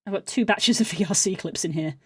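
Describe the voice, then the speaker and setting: Here a woman streamer mutters to herself at a slightly quick pace, her medium-pitched voice husky and darkish. It's loose, casual commentary as she sorts through and edits clips, recorded with no echo.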